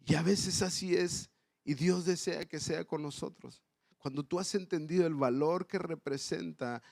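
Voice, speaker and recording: A middle-aged man preaching a sermon, swinging from loud, impassioned passages to quiet, tender ones. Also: fairly high pitch, creaky. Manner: addresses the congregation as family. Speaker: pastor.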